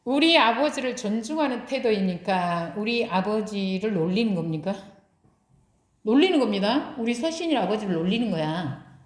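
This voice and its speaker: A woman's voice: medium pitch, expressive, moderate pace. A woman pastor preaching a sermon, putting rhetorical questions to her congregation and answering them herself. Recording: echoey room.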